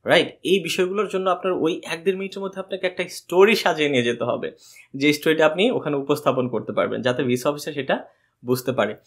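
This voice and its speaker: A man's voice: a little high, quick pace. A man, a podcast host and visa consultant who explains and coaches, checking for agreement as he goes. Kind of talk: advisory podcast talk.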